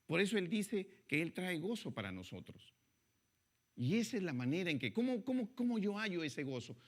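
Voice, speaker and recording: A man, a pastor, preaching a sermon, who swings between loud high exhortation and low quiet asides, asks the listener direct questions and reads scripture slowly. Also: very animated.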